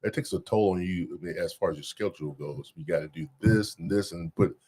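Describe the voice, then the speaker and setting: A man in his fifties co-hosting a podcast, teasing his friends in relaxed banter. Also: low-pitched, fairly quick, husky. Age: 50s. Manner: teasing, laid-back banter. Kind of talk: casual chat.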